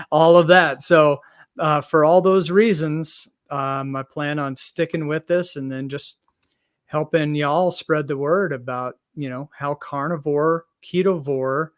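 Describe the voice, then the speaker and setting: A man's voice: on the high side, no room sound, studio quality. A sixty-year-old man speaking candidly and hesitantly on a video call, with a self-deprecating touch. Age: 60s. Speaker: roundtable guest. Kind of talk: casual chat on a video call.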